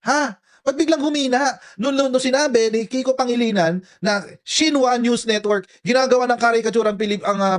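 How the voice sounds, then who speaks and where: A man commenting on a political clip, sarcastic and taunting, laughing at the speaker he mocks. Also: very high-pitched. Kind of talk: mocking commentary over clips.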